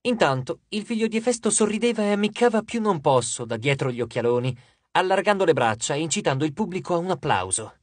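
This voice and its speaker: Expressive male audiobook narrator. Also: a little high, fast, no room sound. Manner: lively, expressive reading. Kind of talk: scripted narration.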